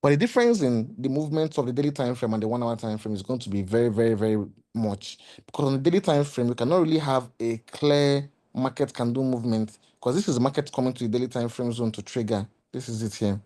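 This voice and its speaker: A man with a mid-pitched, slightly hoarse voice teaches a trading lesson over his chart. He explains patiently, circles back to the same points and throws in rhetorical questions. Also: fast, hardly any pauses, mellow. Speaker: trading mentor. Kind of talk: screen-share trading lesson.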